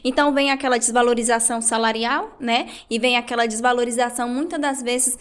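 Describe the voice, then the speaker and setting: A woman with a high voice hosts a casual interview, asking long, winding questions in a conversational tone. She often jumps in to finish the guest's sentences. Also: fairly even intonation, a little fast, a bit bright, clear, resonant tone. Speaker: interview host.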